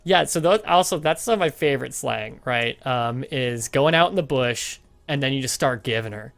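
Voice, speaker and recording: A man's voice: mid-range voice, normal speed, gravelly, a bit bright. A man from Canada co-hosting a podcast in casual chat, talkative and laughing often, with lots of "you know"s. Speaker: podcast co-host.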